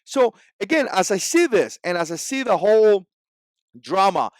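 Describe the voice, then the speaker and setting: In this opinion commentary vlog, a Cuban vlogger in his forties speaks English with the accent of his native Spanish. His voice is high for a man, very animated and at a moderate pace, and he drives his points home by repeating them emphatically. The sound is close and dry, with no echo or room sound.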